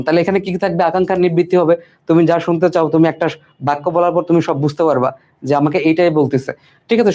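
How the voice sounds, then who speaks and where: A man's voice: high-pitched, a little mellow. A young man from Bangladesh teaching an online exam-prep lesson, repeating points and slipping in English words. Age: young adult. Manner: repetitive, reassuring, mixes English words. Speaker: tutor.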